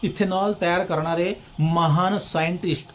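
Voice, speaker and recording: High-voiced man in mocking satirical rant. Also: steady tone, unhurried, very noisy. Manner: sarcastic mock-scolding, repeats jeering taunts; chuckles while speaking. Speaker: satirical news commentator. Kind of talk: satirical political commentary.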